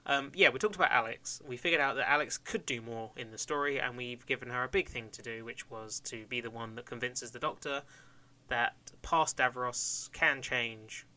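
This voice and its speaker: A man's voice: mid-range voice, normal speed, sharp tone. A man co-hosting a podcast in a casual, rambling chat, swearing and laughing often. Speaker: podcast co-host.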